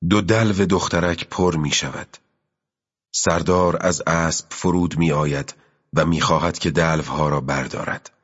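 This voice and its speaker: A man reading a literary novel aloud as an audiobook narrator, in a slow, measured and intimate way. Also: deep voice, steady tone, husky. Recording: muffled with long reverb.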